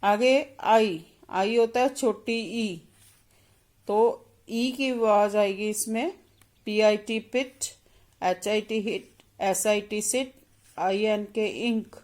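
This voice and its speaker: Woman, teacher, phonics lesson, letter-by-letter spelling, very unhurried, mid pitch. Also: a little mellow. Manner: spells out letters then says each word slowly and deliberately.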